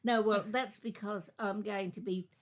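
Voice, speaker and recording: A woman co-hosting a literary discussion podcast, reading a chapter summary and giving measured, thoughtful commentary. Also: mid-range voice, steady tone. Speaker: podcast co-host.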